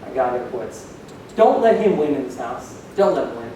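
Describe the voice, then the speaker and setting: A man's voice: medium pitch, very animated, normal speed, dark tone, slight background noise. A man preaching a sermon as pastor, questioning the congregation as he goes. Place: church hall. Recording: echoey hall, voice from far off.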